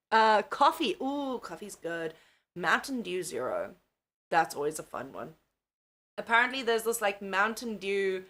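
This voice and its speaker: A young South African woman with a mixed South African accent and a mid-range, fairly bright voice hosts a casual livestream while tired. She chats with viewers, giggles a lot and swears freely.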